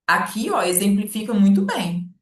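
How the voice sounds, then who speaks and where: A Brazilian woman teaching professionals about children's literacy in a patient, repetitive way, often checking in with a quick "tá?". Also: mid-range voice, very animated, distant mic, a little hiss or hum. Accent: Brazilian Portuguese. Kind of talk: informal teaching talk. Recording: echoey room, voice off-mic.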